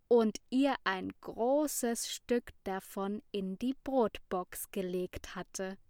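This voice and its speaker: A woman reading a children's story aloud in a slow, careful storybook manner. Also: mid-range voice, no echo, clean studio sound.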